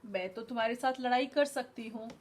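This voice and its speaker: A woman's voice: on the high side, a little fast, lightly acted. A woman voicing a small, bold female fly that taunts a lion in a storybook reading. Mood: defiant. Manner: defiant, taunting.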